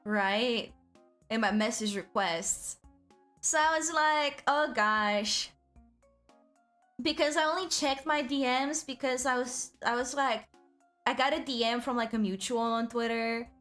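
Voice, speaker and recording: A woman with a fairly high voice streams in a cute anime streamer manner. She chats casually and rambles through her asides with an excitable streak. Music plays behind her. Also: measured pace. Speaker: VTuber livestream host. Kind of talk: casual livestream chat.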